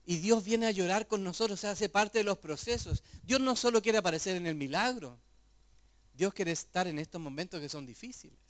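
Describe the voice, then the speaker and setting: A man's voice: high voice, fairly bright tone. A middle-aged man preaching a sermon in an earnest, conversational way, full of rhetorical questions. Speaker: pastor.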